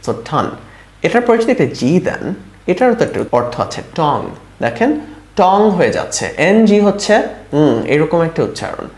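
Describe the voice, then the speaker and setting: A man teaching English phonics in an informal online lesson, sounding words out slowly syllable by syllable and often checking "right?". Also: high-pitched, sing-song, darkish tone, roomy sound.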